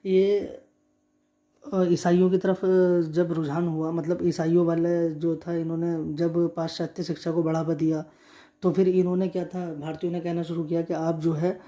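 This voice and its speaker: Woman, exam-prep history teacher, lowish mellow voice, quizzes the class and answers herself, drills dates by repetition. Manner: asks questions then answers them herself; repeats key facts and dates slowly.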